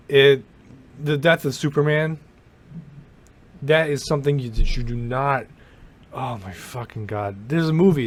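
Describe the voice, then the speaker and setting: A young man giving a casual, rambling rant about a movie, with swearing and lots of restarts. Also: mid-range voice. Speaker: movie commentator. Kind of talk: casual ranting movie commentary.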